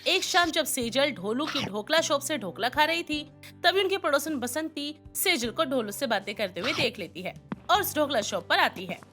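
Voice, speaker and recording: A woman narrating an animated children's story in a steady, plain storytelling manner. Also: high voice, normal speed, soft background music.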